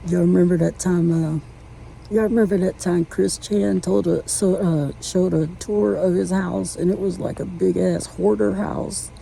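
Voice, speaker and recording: Slow, gravelly woman in her late forties. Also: lowish voice, fairly even intonation, dark tone, slight background noise, poor audio. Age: 40s. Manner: halting, rambling, many restarts and fillers. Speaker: vlogger. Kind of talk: casual rambling monologue. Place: at home, sitting on her bed.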